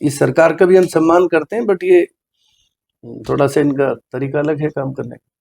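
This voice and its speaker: A man's voice: a little high, steady tone, normal speed, creaky, darkish tone. A middle-aged man, a hospital medical superintendent, answering interview questions earnestly and deferentially, slipping English phrases into his talk. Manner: mixes English phrases into speech.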